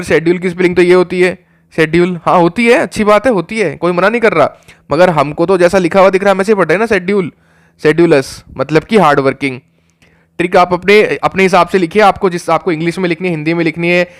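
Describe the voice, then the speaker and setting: A young man teaching an exam vocabulary lesson, repeating words and quizzing his viewers. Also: fairly high pitch.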